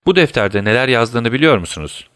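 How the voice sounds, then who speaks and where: Sherlock Holmes, alaycı ve soğukkanlı dedektif bir erkeğin sesiyle. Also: male voice, medium pitch, fairly quick, clean tone, no room sound, studio quality. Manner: calm, teasing, commanding. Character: cool, mocking male detective, middle-aged. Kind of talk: audiobook character voice.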